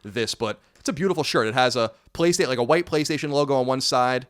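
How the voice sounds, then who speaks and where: An American man in his thirties hosts a casual podcast, talking fast in a medium-pitched, slightly bright voice. He rambles, corrects himself, and tosses in wry asides.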